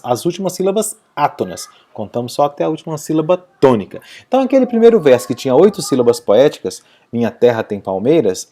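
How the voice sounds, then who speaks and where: A man teaching a video lesson, his voice mellow and dark in tone. His pitch moves a lot as he explains step by step. He keeps checking that his listeners follow along.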